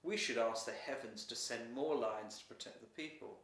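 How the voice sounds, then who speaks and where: A man with a mid-range, fairly bright voice close to everyday speech talks at normal speed, voicing a loyal, dutiful guardian lion who serves an emperor in a storybook. His dialogue is formal, solemn and deferential. The recording is distant, with a roomy echo.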